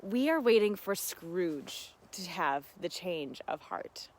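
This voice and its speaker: With a fairly low, animated voice, a woman slowly hosts a relaxed livestream Q and A. She chats with listeners like friends, earnest and reflective, and frequently laughs mid-sentence.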